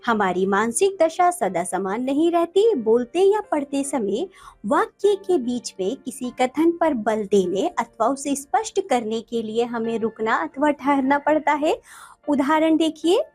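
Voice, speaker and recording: Woman teacher talking to kids, high bouncy voice going up and down a lot, faint music under it. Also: expressive, measured pace. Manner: addresses children warmly, reads examples aloud with emphasis. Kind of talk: textbook lesson for children.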